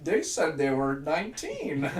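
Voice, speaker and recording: A man's voice: on the high side, huge pitch swings, slow pace. A man co-hosting a podcast, chatting casually and giggling through his lines. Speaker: podcast co-host. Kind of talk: casual chat. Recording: echoey room from far off, voices behind.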